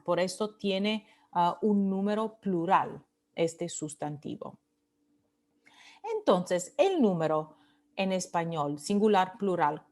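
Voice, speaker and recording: Slow bilingual Spanish teacher, woman. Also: mid-range voice, darkish tone. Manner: slow, explanatory, repeats words to model stress. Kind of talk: lecture mixing Spanish and English.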